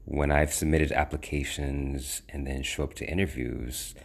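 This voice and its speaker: Very deep-voiced man, slow and lively. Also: vocal fry. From United States. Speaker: podcast host. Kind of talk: scripted personal monologue.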